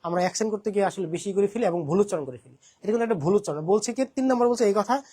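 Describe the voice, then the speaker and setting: A man's voice: high voice, very fast, mellow. A young man with a Bangladeshi Bengali accent teaching an admission-prep English lesson, asking questions and repeating his points.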